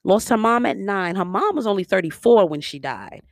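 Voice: medium pitch, expressive, normal speed, no echo, clean studio sound. A speaker with a New York accent giving casual, opinionated commentary with sassy, slangy asides. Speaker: vlogger reviewing a biopic series.

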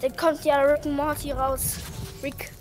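A woman co-hosting a casual gaming chat, excitable and playful. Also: high voice, a little slow.

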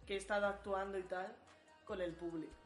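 A woman's voice: mid-range voice, fairly even intonation, fairly quick. A woman hosting a podcast, blunt and joking in casual chat. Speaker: podcast host. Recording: roomy room with faint music.

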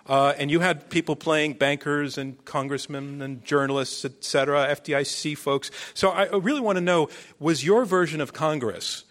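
A man's voice: on the high side, normal speed, hardly any pauses, a bit bright. A man hosting a live debate on stage as moderator, introducing and questioning guests, with an audience behind him.

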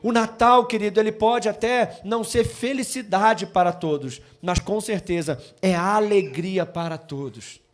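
Young male pastor, high-pitched, conversational storyteller who builds to fervent emphatic preaching. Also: a little slow, few pauses. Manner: builds from chatty asides to loud emphatic preaching; addresses congregation as brothers. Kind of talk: Christmas sermon. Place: church.

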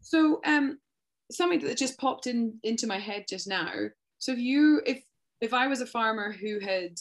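A woman hosting a podcast interview, asking curious follow-up questions. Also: medium pitch. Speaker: podcast host.

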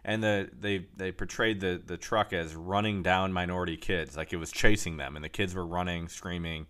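Male commentator, slightly low voice, talking off the cuff with sarcastic jabs and frequent ums. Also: steady tone, fairly bright tone, smooth. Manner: sarcastic, mocking, halting with many fillers. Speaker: political commentator. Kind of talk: casual monologue commentary.

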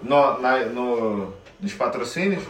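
A man's voice: mid-range voice, animated, takes it slowly, fairly bright tone, a little hiss or hum. A man hosting a casual podcast, teasing and chatting with guests. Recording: roomy with group chatter.

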